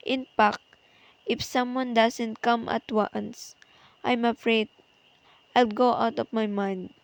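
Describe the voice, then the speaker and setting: A woman's voice: fairly high pitch, dry recording, rough recording. A woman playing a nervous, demanding, frightened invalid alone at home in a radio play, anxious and insistent.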